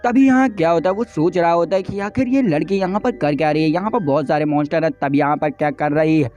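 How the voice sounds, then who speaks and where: A man's voice: a little high, fast, darkish tone, muffled recording, faint music behind. A man casually recapping an anime episode for viewers, chatty and joking, with asides to the audience. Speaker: anime explainer YouTuber.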